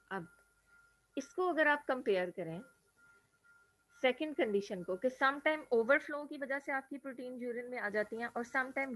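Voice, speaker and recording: A woman's voice: on the high side, fairly bright tone, dry recording, poor audio. A woman lecturer explaining a diagram in a classroom lecture. She asks rhetorical questions and keeps checking in with her students. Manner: mixes English terms into Hindi explanation.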